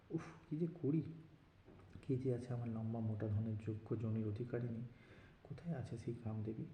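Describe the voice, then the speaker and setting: A man narrating a written story in a steady reading voice, shifting into character quotes now and then. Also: fairly low pitch, vocal fry. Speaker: story reader. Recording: dull lo-fi roomy recording, faint hiss.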